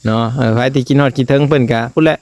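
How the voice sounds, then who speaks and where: A man with a Lao accent chatting casually to his viewers, with lots of drawn-out fillers. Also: medium pitch, a little mellow, dry recording. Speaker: vlogger.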